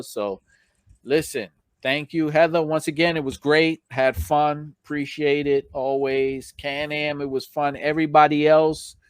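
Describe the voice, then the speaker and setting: A man hosts a casual live stream, chatting informally and giving slangy shout-outs to viewers. His mid-range voice is slightly hoarse from long talking, with no echo.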